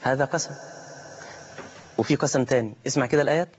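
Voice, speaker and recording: A man with an Egyptian Arabic accent delivers a colloquial sermon at a quick pace in a mid-range voice, firing off rhetorical questions and answering objections he imagines from listeners. The recording is dull and lo-fi, with a little hiss or hum.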